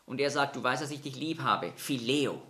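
Bright-voiced man teaching a sermon. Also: mid-range voice. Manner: explanatory, measured, with slow emphatic quotes. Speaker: preacher.

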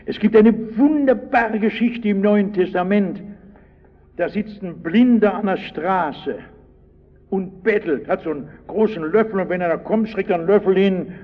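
A man's voice: high voice, moderate pace. A man preaching a sermon, telling stories dramatically and speaking straight to his listeners. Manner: dramatic storytelling, addresses listeners directly. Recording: lo-fi recording with long hall reverb.

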